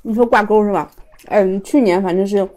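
A woman's voice: medium pitch, fairly quick, a little mellow. A middle-aged woman, chatting casually while chewing on a mukbang livestream. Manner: chatty, laughs often, answers viewer comments.

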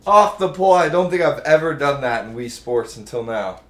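A young man doing live game commentary as a streamer, full of swearing and cocky, excitable sports-fan trash talk, recorded in an indoor room. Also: medium pitch, normal speed. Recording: roomy, echoing room sound.

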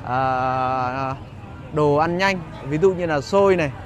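A man with a slightly high voice narrates casually as he guides viewers around on foot. He speaks in hesitant phrases broken by frequent filler pauses. Clear street noise from an outdoor market surrounds his voice. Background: market bustle and vehicles.

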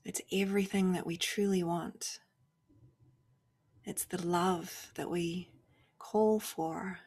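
A woman guides a spiritual meditation, her soft, reflective voice moving in short phrases separated by long pauses and often sinking nearly to a whisper. Her pitch sits on the low side, her intonation stays fairly even, and there is a breathy edge to her sound.

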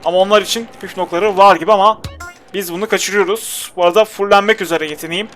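A man's voice: high-pitched, fairly even intonation, quick pace, fairly bright tone, faint music behind. A young man giving casual, exasperated commentary while playing a video game and talking to his character. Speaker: gameplay commentator.

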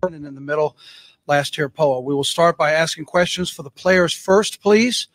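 Guy running a press conference, procedural, higher voice, dry. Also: moderate pace, a bit bright, no room sound. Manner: procedural, orderly. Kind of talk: announcements.

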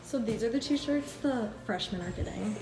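A young American woman with a bubbly, excitable sorority-girl manner, chatting casually into a handheld phone for a vlog. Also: on the high side, moderate pace, rough recording. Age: young adult. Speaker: student vlogger, sorority member. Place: dorm rooms, outdoors on campus. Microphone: handheld phone at arm's length. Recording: loud music and crowd, handheld phone.

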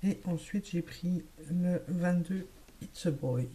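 A woman's voice: lowish voice, slow pace, noisy background. A woman vlogger chatting casually about the makeup she bought, half-whispering some words. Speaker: beauty vlogger. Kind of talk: casual makeup haul chat. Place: home room with lights.

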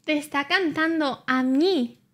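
A young woman streamer with a very high voice talks loosely with her chat. Her tone is bright and forceful, and she has a playful, teasing way of going back and forth with viewers. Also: slow.

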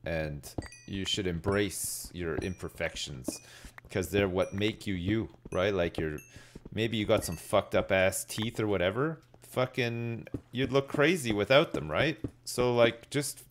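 Low-voiced, laid-back man streaming a game. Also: measured pace, a little hiss or hum. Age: middle-aged. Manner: rambling, laid-back, sweary. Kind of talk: casual live gaming commentary, chatting with viewers. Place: indoors at a desk, streaming.

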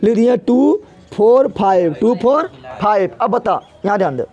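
High-voiced man teaching math. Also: lively intonation, a little mellow, highs cut off. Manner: drills students with repeated questions, drawn-out counting. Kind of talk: classroom lesson with call-and-response questions.

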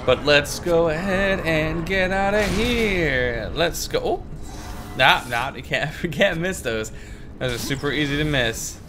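Young male gamer, swears and rages through the play, slightly high voice, clear game music under him. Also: a little slow. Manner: loud, profane, raging bursts. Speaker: gaming channel host. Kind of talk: let's play commentary.

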